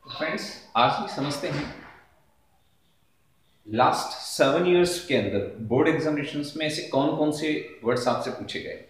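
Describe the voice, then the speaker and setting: A male teacher explains a lesson, stretching out each word slowly as he drills its sounds. His voice sits a little high for a man. It rings around a very echoey room. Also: a little hiss or hum. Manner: slow, drawn-out word pronunciation drills. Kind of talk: classroom-style lesson explanation.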